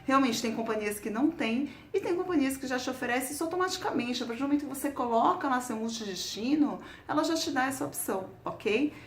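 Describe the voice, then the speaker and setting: A Brazilian woman with a Brazilian Portuguese accent, explaining travel tips to camera in a casual, chatty way. She tacks a quick question onto nearly every phrase and repeats words while she looks for the next one. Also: high-pitched, expressive, slight background noise. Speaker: travel vlogger. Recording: roomy echo.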